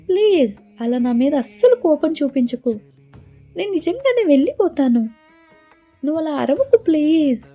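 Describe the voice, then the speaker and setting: A tearful young woman who pleads with her lover in a high, anxious voice, as a narrator voices her. The tone is husky and soft, and the muffled lo-fi recording has faint music behind it. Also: exaggerated voice.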